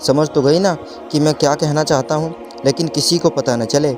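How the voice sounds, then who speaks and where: A man's voice: fairly high pitch, fairly even intonation, moderate pace, over music, close to an everyday voice. A man voicing a scheming young man who insistently threatens and frightens a girl, in a storybook reading. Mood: menacing insistence.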